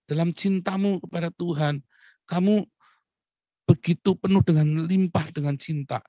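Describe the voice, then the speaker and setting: A man preaching a casual sermon, lively and chatty, with many rhetorical questions and short chuckles. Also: a little high, normal speed, dry recording. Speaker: pastor.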